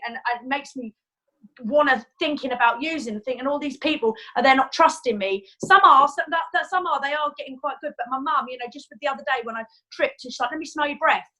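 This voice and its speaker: A woman's voice: high-pitched, bright, forceful tone, low-quality recording. A woman with an English accent, a former client on a video call, asking her question hesitantly with many fillers and rising agitation.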